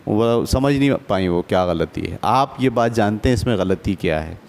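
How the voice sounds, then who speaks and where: A man's voice: on the low side, expressive, moderate pace, gravelly, a little mellow. Patient man teaching basic math. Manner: patient, asks checking questions. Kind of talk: adult-education math lesson.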